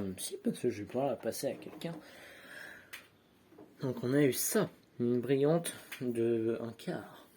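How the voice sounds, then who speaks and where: A man's voice: medium pitch, dark tone, slight background noise. A man chatting casually to his viewers as he opens sticker packs, rambling and sorting each card aloud with self-mocking asides, filmed on a handheld phone at home. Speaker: vlogger opening sticker packs. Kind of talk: casual unboxing chat. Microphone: handheld phone camera, no tripod.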